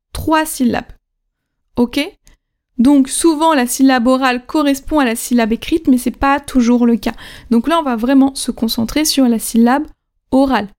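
Woman, podcast teacher, high voice, mellow tone, slow clear examples. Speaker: French teacher and podcast host. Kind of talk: podcast language lesson.

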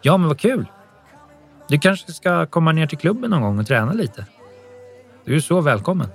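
A male audiobook reader voices an adult woman who coaches boxing, friendly and eager. The pitch rises high above his own voice, and she sounds welcoming and enthusiastic. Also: lively intonation, slightly rough, faint music behind.

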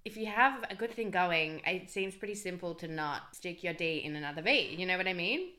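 Bright-voiced, playful woman co-host. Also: on the low side, lively intonation. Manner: playful, quick jokes, bursts of laughter. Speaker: podcast co-host. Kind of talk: casual chat.

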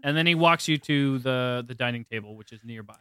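Man, laid-back game master, smooth resonant voice, dry close sound. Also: mid-range voice, a little fast, bright, forceful tone, no room sound. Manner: laid-back, laughs often, trailing fillers. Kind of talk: narrating a tabletop game.

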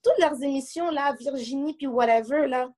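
A woman's voice: high voice, moderate pace. A young woman from Montreal with a Quebec French accent, talking animatedly in a casual discussion and often restarting her sentences. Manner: animated, questioning, restarts mid-thought. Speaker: panel discussant.

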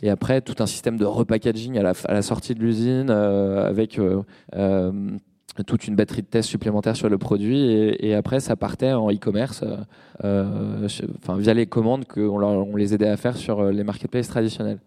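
Here a man in his thirties from Nantes, a startup co-founder on a podcast, answers informally, hesitating and using slang with plenty of trailing tags. His voice is low, mellow and steady at a normal speed, and a long reverb tail follows it.

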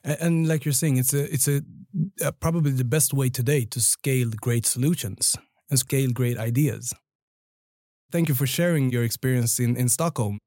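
A male interviewer with a warm, mellow voice asks his guest about his journey, and his voice sounds dry and close. He is encouraging and keeps the talk moving with short "mm" and "yeah" responses. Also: mid-range voice, moderate pace, no room sound. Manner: encouraging, frequent "mm" and "yeah" backchannels. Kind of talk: casual interview conversation.

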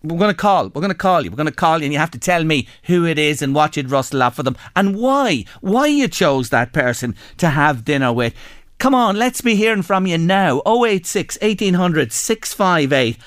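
A man's voice: on the high side, big pitch swings, a little fast, fairly bright tone, no room sound, clean studio sound. An Irish man presenting a live radio show and plugging competitions in a chatty, emphatic way, often repeating his phrases.

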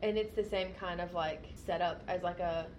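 A woman's voice: on the low side, steady tone, normal speed, darkish tone, a little hiss or hum. A young adult woman, a hairstylist and podcast co-host, chatting casually in a frank, rambling way and swearing freely. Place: United States.

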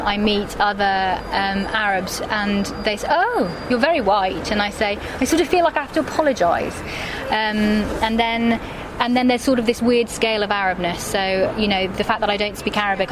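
RP-accented woman over clear street noise. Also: mid-range voice. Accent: English RP. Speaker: interviewed playwright. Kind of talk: conversational interview. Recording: clear urban background noise.

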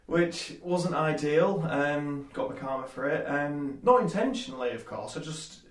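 A man's voice: a little high, animated, a little slow, echoey room. A man in his twenties with a Yorkshire accent, a guest in a casual interview, rambling with many fillers and restarts. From Leeds, England. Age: 20s. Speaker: guest, small business owner.

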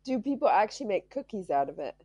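A woman's voice: mid-range voice, very animated, fast, darkish tone, slightly rough, no echo, highs cut off. A woman co-hosting a casual podcast, sounding sick and tired, with a dry, matter-of-fact wit. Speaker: podcast co-host.

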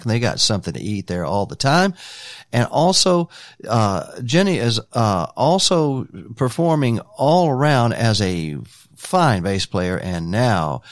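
Folksy male radio host, lively rambling delivery, dry studio sound. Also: mid-range voice, no echo. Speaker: radio countdown show host. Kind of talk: casual radio chat.

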